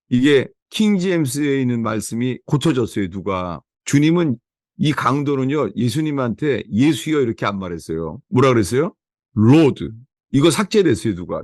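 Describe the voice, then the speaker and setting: A man's voice: mid-range voice, dry recording, studio quality. A man preaching a sermon as pastor to a small house-church gathering, emphatic and asking the listeners rhetorical questions.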